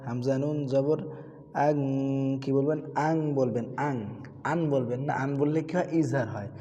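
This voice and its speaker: A man's voice: medium pitch, steady tone, moderate pace, dark tone, long reverb tail, lo-fi sound. A man teaching Quran reading rules, asking questions and answering them himself, with repeated drills of syllables. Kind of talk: tajweed lesson with recitation drills.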